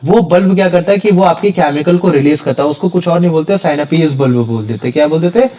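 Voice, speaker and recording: A man's voice: on the high side, quick pace, warm tone, lo-fi sound. A young man teaching a science class in a casual way, often repeating key terms as questions to his students.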